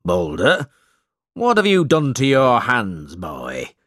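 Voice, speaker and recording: A man reading an audiobook slips into a full character voice for a cruel, boastful schoolmaster of middle age, loud, blustering and bullying, his mid-range voice lifted far above the narration and swooping wildly in pitch. He delivers it slowly and heavily, and the recording is dry and close, with no sense of a room.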